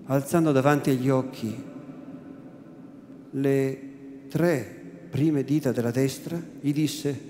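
Slow theatrical male reader in a cathedral. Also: medium pitch, steady tone, warm tone, a little hiss or hum. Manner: measured, theatrical. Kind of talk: dramatic literary reading. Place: large cathedral. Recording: echoey cathedral, faint ambience.

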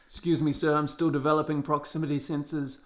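An actor playing a polite, formal robot butler who calls everyone sir, calm and a little unsettling. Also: male voice, a little high, quick pace, lightly acted. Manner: courteous and formal, ends lines with "sir". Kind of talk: short film acting.

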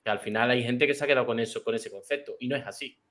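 Bright-voiced man hosting a chat. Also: medium pitch, very fast. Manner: interjecting, teasing, calm-assertive. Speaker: live stream host. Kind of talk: casual live chat.

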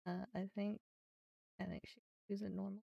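A woman's voice: mid-range voice, flat delivery, moderate pace, gravelly, mellow, no echo, far from the mic, dull audio. A young woman streaming a game, chatting casually and thinking aloud as she goes, with the odd swear word. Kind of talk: casual live-stream commentary.

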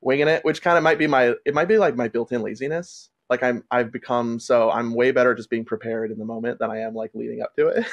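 A man with a gravelly, creaky voice talks loosely about his work as a wedding photographer. His delivery is relaxed and rambling, full of "like" and restarts, as he hosts a laid-back conversation. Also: mid-range voice, fast, muffled recording. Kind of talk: casual conversation.

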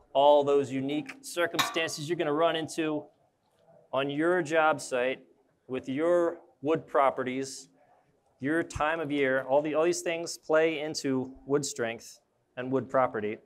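A man's voice: fairly high pitch, steady tone, unhurried. A young man, an arborist trainer, giving a casual live demonstration at an indoor trade show booth and thinking aloud as he handles his gear.

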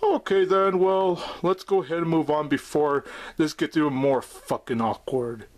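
A man's voice: fairly high pitch, fairly even intonation, moderate pace, natural voice. A man voicing a crude, sweary Santa toy, bantering casually in an amateur comic skit.

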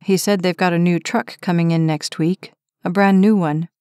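A woman's voice: on the low side, steady tone, normal speed, mellow, clean tone, no echo, clean studio sound, close to an everyday voice. A woman reading the part of an injured young firefighter who talks in a timid, matter-of-fact way. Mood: plain. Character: injured young firefighter man, frustrated but gentle. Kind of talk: audiobook character reading.

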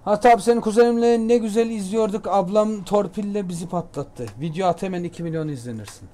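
A young man giving chatty, jokey commentary while playing a game, often shouting at it. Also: sits high, fast. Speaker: gameplay commentator. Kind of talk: casual let's-play commentary.

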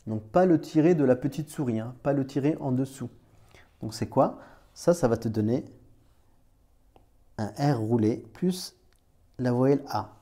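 A man's voice: mid-range voice, animated, a little slow, long pauses, mellow. A man teaching Arabic letters in a chatty, informal way, talking straight to the learner with many restarts. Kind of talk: informal screen-recorded lesson.

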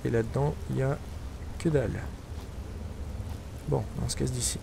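A man with a gravelly, creaky voice talks his way through a video game in a loose, wry running commentary. He mutters little asides to himself as he plays, over a noticeably noisy background. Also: mid-range voice, fairly even intonation, moderate pace. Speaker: let's play gamer. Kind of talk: casual gameplay commentary.

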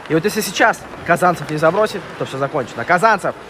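A man with a fairly high voice commentates on an ice hockey game. The recording is very noisy, with loud rink ambience all around him. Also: animated, fast. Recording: loud rink noise behind the voice.

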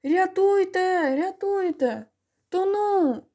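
A woman's voice: extremely high pitch, expressive, slow pace, pitched above the performer's own voice, heavily acted. A woman voicing a frantic, drowning boy. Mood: panicked. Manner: frantic, yelling pleas. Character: panicking boy drowning in a costume.

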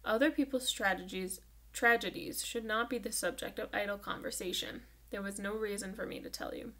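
A woman voices a reserved small-town preacher father in a storybook reading. He speaks softly and in a measured way, with a gravelly edge. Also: medium pitch, steady tone. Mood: gently firm.

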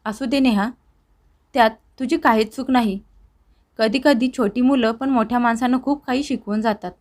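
A man's voice: very high-pitched, fairly even intonation, moderate pace. A woman narrator voicing a remorseful grown son who talks earnestly and tearfully to his family. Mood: warm.

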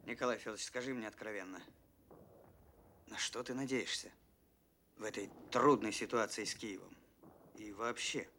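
A man's voice: fairly low pitch, moderate pace, long pauses, bright, forceful tone. A man playing a thoughtful, candid middle-aged military commissar in a war film. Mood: reflective. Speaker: political commissar. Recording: faint room noise.

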